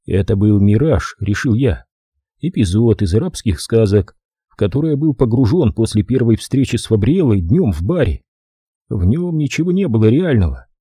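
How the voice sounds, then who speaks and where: A man's voice: lowish voice, big pitch swings, normal speed, mellow, husky, no echo. A man narrating a first-person detective novel in a dry, wry storytelling manner. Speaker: audiobook narrator.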